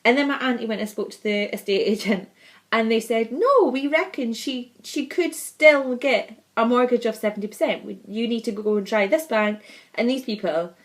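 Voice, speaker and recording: A young Scottish woman with a Scottish accent chats bubbly and casually to the camera in her vlog, laughing often. Her voice is fairly high and her pace normal.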